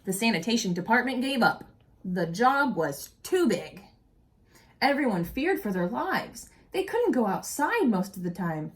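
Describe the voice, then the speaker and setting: A woman with a fairly high, unhurried voice reads a picture book aloud expressively to young listeners as an educator. Her storytelling is animated, with explanatory asides and questions for the children.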